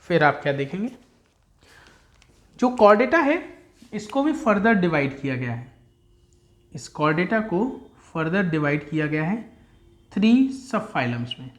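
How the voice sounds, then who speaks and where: A man's voice: on the high side, very animated. Man teaching in an echoey room. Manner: drills terms by slow repetition, addresses students as beta. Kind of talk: classroom lecture.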